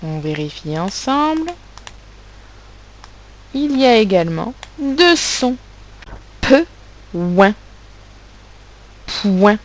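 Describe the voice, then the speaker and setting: A woman teacher giving a recorded phonics lesson to children, articulating sounds and syllables slowly and with care. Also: fairly high pitch, big pitch swings, low-quality recording. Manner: slow, carefully articulated, stressing sounds and syllables. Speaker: primary school teacher.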